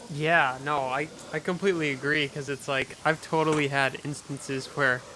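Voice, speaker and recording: A man's voice: a little high, steady tone, moderate pace, bright, forceful tone, rough recording. A man hosting a podcast interview in casual chat, laid-back and full of "like". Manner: laid-back, heavy use of "like". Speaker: podcast host. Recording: faint hiss.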